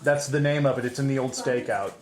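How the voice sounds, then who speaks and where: A man's voice: mid-range voice, a little fast, echoey room, over a noisy crowd. A man co-hosting a casual podcast at home, joking with his co-host and plugging local spots. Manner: jokey, banters and plugs local spots. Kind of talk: casual chat. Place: home, room with pets.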